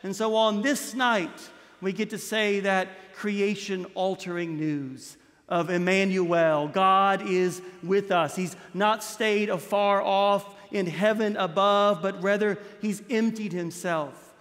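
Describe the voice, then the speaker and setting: A man in his thirties, a priest delivering a Christmas Eve homily with impassioned preaching, dropping low and soft on key words. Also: steady tone, slow pace. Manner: gestures broadly while standing at a lectern. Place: large stone church, indoors. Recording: long church reverb.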